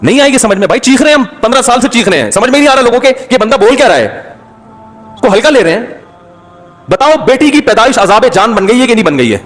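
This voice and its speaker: A man's voice: very high-pitched, very animated, fairly bright tone, soft background music. A man giving a religious talk as a cleric, emphatic and impassioned, often scolding his listeners. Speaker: Islamic cleric.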